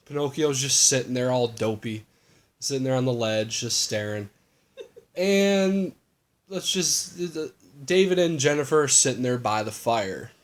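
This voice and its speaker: A man's voice: mid-range voice, lively intonation, unhurried. A man co-hosting a casual movie recap chat, rambling with lots of fillers and crude jokes.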